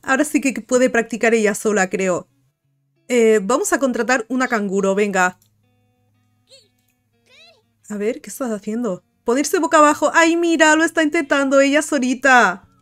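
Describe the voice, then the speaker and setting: A woman's voice: a little high, normal speed, a bit bright. A woman giving casual gameplay commentary, cooing and chatting to the game characters. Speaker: gaming video host. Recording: light music behind.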